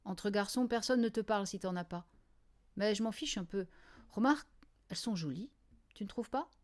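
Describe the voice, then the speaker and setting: A woman reading the part of a shy young schoolboy who speaks softly and hesitantly in a storybook. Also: mid-range voice, moderate pace, natural voice.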